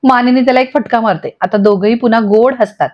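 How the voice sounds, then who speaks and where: A woman narrates a TV serial recap in a brisk storytelling manner. Her voice sits on the high side, and the recording sounds dull and lo-fi. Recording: dull lo-fi audio.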